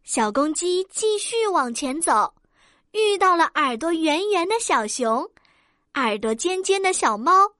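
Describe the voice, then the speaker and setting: Casting: woman storyteller for kids, high-ish voice, dry close mic, gentle and expressive. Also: measured pace, no echo. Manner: gentle, clear and expressive, addressing children. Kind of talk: children's story narration.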